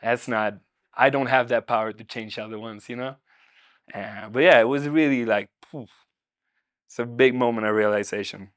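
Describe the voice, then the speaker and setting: Smooth-voiced man, halting and reflective. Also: mid-range voice, no echo, studio quality. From Sweden. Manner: searching, halting, with many fillers. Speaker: interviewee, nurse. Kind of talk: reflective documentary interview.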